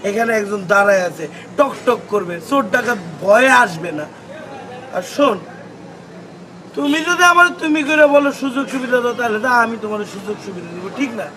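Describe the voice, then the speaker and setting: A man's voice: very high-pitched, lively intonation, fairly quick, background noise. A man playing a boastful young male gatekeeper who keeps demanding respect in a comic drama. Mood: bragging. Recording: music playing under the voice.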